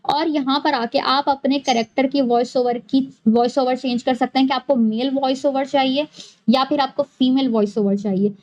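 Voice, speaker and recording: A woman with a high, light voice walks through a software tutorial step by step. She explains patiently and goes back over key points. The recording is dull and lo-fi. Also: steady tone, moderate pace. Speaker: animation tutorial host.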